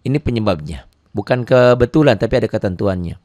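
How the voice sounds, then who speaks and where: Low-pitched male recitation teacher, patient step-by-step lesson, dry close sound. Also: expressive, quick pace, a little mellow, no room sound. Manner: patient, repeats and explains step by step. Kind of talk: tajwid lesson with recited examples.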